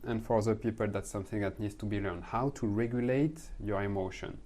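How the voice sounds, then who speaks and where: Calm French-accented man, low voice. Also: a little fast. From France. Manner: calm, thoughtful, searches for words. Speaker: guest, manifestation coach. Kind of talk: podcast conversation.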